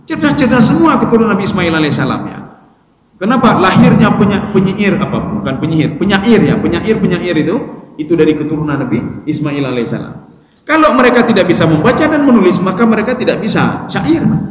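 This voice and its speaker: A male preacher giving a conversational sermon, often addressing listeners directly and acting out dialogue with sharp jumps in pitch. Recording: echoey hall with faint ambience.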